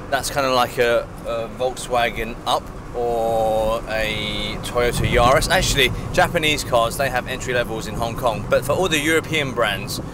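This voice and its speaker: Man in his thirties, easygoing joking chat, open-top car, loud traffic noise. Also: medium pitch. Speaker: vlog co-host. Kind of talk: casual chat. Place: open-top car outdoors on city streets.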